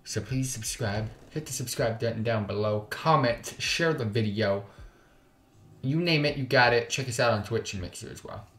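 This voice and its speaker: A man's voice: mid-range voice, normal speed, a bit bright, reverberant. A man giving rambling, casual commentary while playing through a visual novel game. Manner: casual, rambling, self-correcting. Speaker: gaming YouTuber. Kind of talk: let's play commentary.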